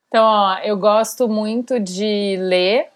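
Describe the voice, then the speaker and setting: A woman's voice: mid-range voice, steady tone, takes it slowly, clear, resonant tone. A woman in her thirties with a Brazilian Portuguese accent, giving a candid interview as a guest and talking bluntly and ironically with a fair bit of swearing. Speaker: podcast host as interview guest.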